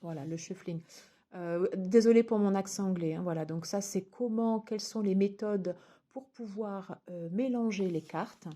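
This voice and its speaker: A woman's voice: mid-range voice, normal speed, mellow. A woman casually reviewing a tarot deck and its guidebook, chatty, with many fillers and restarts.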